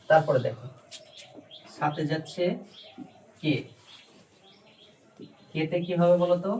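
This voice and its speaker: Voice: mid-range voice, a little mellow. A teacher giving a patient phonics lesson, repeatedly asking the learner questions and checking understanding. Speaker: spoken English teacher. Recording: distant mic, faint background noise.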